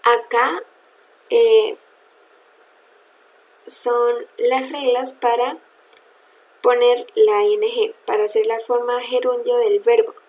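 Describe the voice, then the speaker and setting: A woman's voice: a little high, little pitch movement, slow pace, pauses often, darkish tone, slight background noise, low-quality recording. A woman teaching English grammar in a recorded lesson, patiently spelling out letters and checking in with her students.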